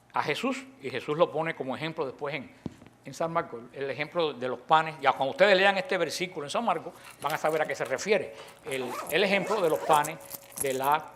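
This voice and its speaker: A middle-aged man, teaching in a sermon style, telling stories and acting out the dialogue with emphasis. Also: a little high.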